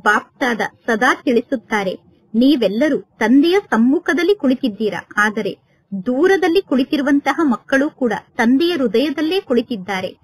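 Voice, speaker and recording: A woman reading a devotional sermon in a measured, repetitive, exhorting way, as a spiritual teacher. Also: high-pitched, animated, husky, no room sound.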